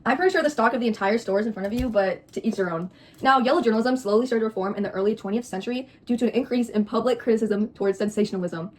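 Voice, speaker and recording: A woman's voice: on the high side, racing, poor audio. A young woman co-hosting a video, moving between scripted explaining and playful, theatrical teasing. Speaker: co-host of a mukbang video.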